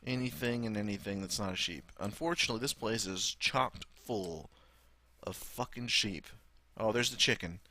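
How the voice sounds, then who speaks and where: Man, Southern US drawl, slightly low and forceful voice, casual sweary game host thinking out loud. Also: moderate pace, no echo. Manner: rambling, sweary, thinking aloud. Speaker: gaming video host. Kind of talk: casual gameplay commentary.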